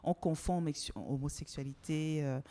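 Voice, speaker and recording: A woman's voice: sits low, fairly even intonation, normal speed, warm tone. A woman from Togo, a podcast guest, talking candidly and emphatically in a conversational interview, swearing casually and repeating words for emphasis.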